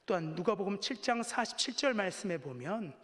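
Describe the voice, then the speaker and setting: A man's voice: high-pitched, very animated, a little fast, a bit bright. A man preaching a Sunday sermon as a pastor, telling a personal story in a conversational, self-deprecating way. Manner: conversational and self-deprecating, acting out quoted voices. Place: church sanctuary. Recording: long reverb of a church hall.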